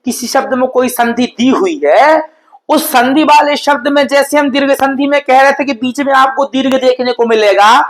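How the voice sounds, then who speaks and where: A Sanskrit teacher works at a board through an exam-prep grammar lesson, explaining patiently and repetitively, sounding out example words slowly and checking in with his students often. His voice is very high-pitched, and the audio quality is poor.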